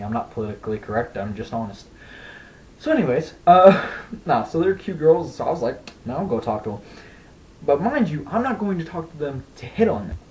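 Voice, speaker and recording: A man's voice: a little high, a little hiss or hum, rough recording. Young man telling rambling comic stories. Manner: rambling, animated, breaks into laughs, acts out voices. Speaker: stand-up storyteller. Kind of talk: casual comedic storytelling to camera.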